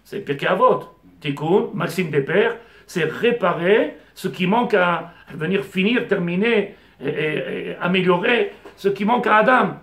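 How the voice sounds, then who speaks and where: A rabbi gives a Torah class to a small audience in an echoey room, speaking French mixed with Hebrew terms. His voice is high-pitched and fairly bright, with lively intonation, a slightly slow pace and few pauses. He digresses and fires rhetorical questions at the class.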